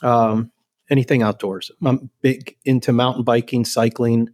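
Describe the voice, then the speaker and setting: Relaxed rambling older man, interview guest. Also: mid-range voice, a little slow. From El Salvador. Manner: relaxed, rambling with many ums and restarts. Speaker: guest, company president. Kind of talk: casual interview chat.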